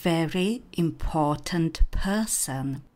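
Low-voiced woman teaching English slowly. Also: expressive, a little mellow. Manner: slow, deliberate enunciation of words to repeat. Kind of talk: language lesson with repetition drills.

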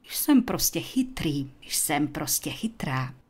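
Low-voiced woman teaching English slowly. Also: sing-song, darkish tone, slightly rough. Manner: slow, deliberate enunciation of words to repeat. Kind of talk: language lesson with repetition drills.

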